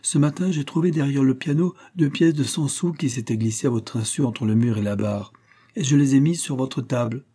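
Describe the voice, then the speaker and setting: A man's voice: medium pitch, fairly quick, dark tone, slightly rough, pitched above the performer's own voice, natural voice. A man putting on a naive playful young girl. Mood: gentle.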